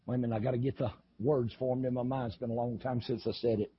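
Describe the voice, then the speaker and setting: A man preaching an impassioned sermon, swinging from shouting to low, intense talk. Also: little pitch movement, quick pace, slightly rough, dull audio. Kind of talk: fiery sermon.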